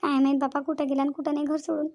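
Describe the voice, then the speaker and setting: In this cartoon voice acting, a woman plays an anxious young village daughter-in-law with a very high, thin voice far above normal speaking pitch. Racing and level in tone with a darkish color, the tearful, guilty bride pleads and wails the same words over and over.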